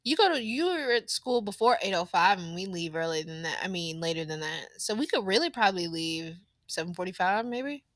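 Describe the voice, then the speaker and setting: A woman hosting a podcast, chatting casually with her younger brother, laughing often and talking in an animated way into a close mic. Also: fairly low pitch, a little fast, few pauses, dry recording. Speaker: podcast host. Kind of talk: casual family chat.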